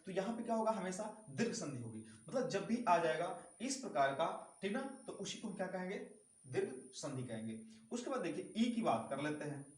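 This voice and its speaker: A man's voice: sits high, very animated, brisk, recorded from a distance. A man teaching a grammar lesson, explaining step by step, repeating key sounds and asking the class rhetorical questions. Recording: echoey room, voice from off-mic.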